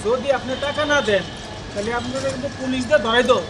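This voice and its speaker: A man's voice: extremely high pitch, fast. An actor playing a scheming street con man in a comic drama, bossy, insistent and threatening. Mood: bullying. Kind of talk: comic short drama acting. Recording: very noisy outdoor street with traffic.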